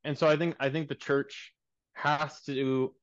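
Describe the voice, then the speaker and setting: A man's voice: on the high side, flat delivery, a little slow, dry recording. A man in his twenties, a pastor guest on a podcast, speaking in an earnest, preacherly way over a remote call. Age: 20s. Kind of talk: podcast interview. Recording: dull, dry lo-fi sound.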